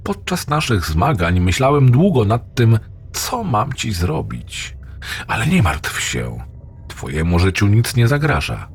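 A man voicing a gloating, crude male AI demon in a horror story reading, with a rough, mocking voice. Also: unhurried, full character voice. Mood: menacing. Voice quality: rough, ugly, abusive voice. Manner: taunting, lewd, lively pitch swings.

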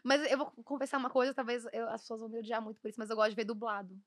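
A woman's voice: a little high, flat delivery, rapid-fire, no room sound, studio quality. A young Brazilian woman, a podcast guest, chatting casually and chattily, often restarting her sentences. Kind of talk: casual chat.

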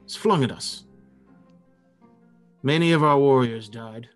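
A man's voice: mid-range voice, slow pace, soft background music, natural voice. A man voicing a wary dwarven guardian in a fantasy tabletop game, questioning strangers with a suspicious, muttering manner. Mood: grave.

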